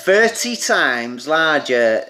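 A man co-hosting a casual podcast chat, blunt and sweary, pausing often on fillers. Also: on the high side, very animated, pushed and bright, faint music behind. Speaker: podcast co-host.

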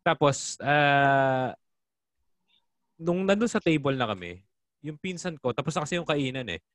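A man telling a story in casual Taglish, calling his friends "pre" and jumping up in pitch at the surprising parts. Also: animated, unhurried, fairly bright tone, no room sound. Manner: casual, says "pre" often, pitch jumps when surprised.

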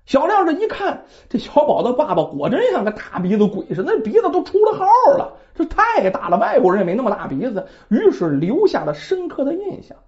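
Animated female storyteller, bright higher voice; dull lo-fi recording. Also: brisk, few pauses. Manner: animated, chatty asides to listeners. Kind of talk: oral storytelling narration.

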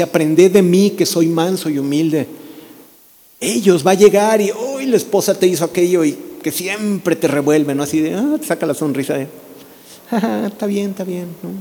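A man preaching in a sermon, his voice a little high yet mellow and dark in tone. He acts out the quarrels he describes in quick quoted voices. The sound rings with the long reverb of a church hall. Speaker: pastor.

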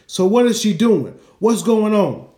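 A man's voice: high voice, animated, unhurried, dark tone. A man giving an earnest, explanatory Bible teaching, using Hebrew names. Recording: echoey room.

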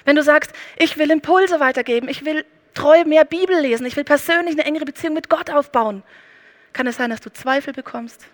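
A woman's voice: high voice, fairly quick. A woman preaching a sermon, speaking emphatically and addressing the listener directly.

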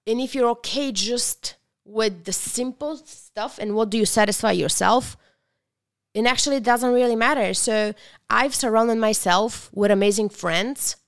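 A woman's voice: mid-range voice, a little slow, clean tone. Earnest woman. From Bulgaria. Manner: reflective, earnest, with frequent restarts. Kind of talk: casual interview conversation.

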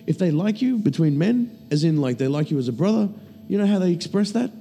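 A man hosting a casual chat, animated and crude, firing off quick questions and jokes. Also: high-pitched, big-room sound. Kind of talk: casual banter.

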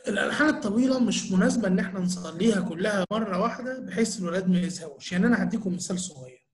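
Egyptian male church teacher, high voice, quick, earnest Q&A explainer. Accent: Egyptian Arabic. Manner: earnest, explanatory, full of rhetorical questions. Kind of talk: answering audience questions in a talk.

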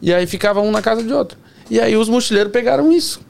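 Easygoing man with a gravelly voice. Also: high voice, quick pace, darkish tone. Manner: easygoing, rambling explanations. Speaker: guest traveler. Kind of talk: casual podcast chat. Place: podcast studio.

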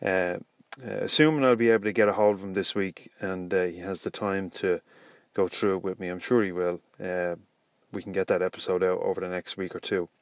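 A man's voice: low-pitched, fairly even intonation, fairly quick, no echo. An Irish man hosting a solo podcast in a casual, rambling, hesitant way, recorded inside a car. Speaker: podcast host. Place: inside a parked car, in the passenger seat.

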